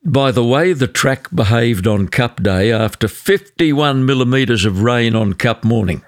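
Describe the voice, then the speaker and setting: An older man with an Australian accent, hosting an interview in a measured, articulate broadcaster's style. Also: medium pitch, expressive, no room sound, studio quality. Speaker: podcast host, interviewer. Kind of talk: polished scripted introduction and interview.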